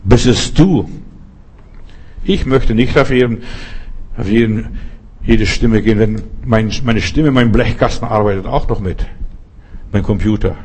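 A man's voice: fairly low pitch, normal speed, a little mellow, slightly rough. A man preaching a sermon in an earnest, direct way, speaking straight to each listener.

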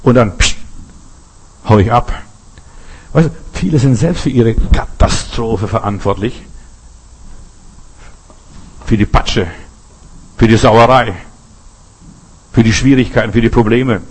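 An older man delivers a sermon in a husky, somewhat breathy voice, his pitch sitting in an ordinary middle register. He speaks straight to the listener and hammers his points home through repetition. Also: slow, long pauses, poor audio. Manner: addresses listener directly with repeated "weißt du"; emphatic rhetorical repetition. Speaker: preacher.

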